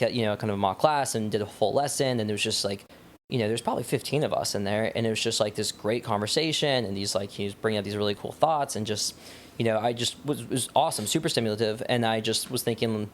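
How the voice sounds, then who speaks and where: Talking at a quick clip in a lowish voice, a young American founder from Wyoming tells stories in a laid-back podcast interview. He wanders a bit, leaning on "like" and "you know", with slight noise in the background.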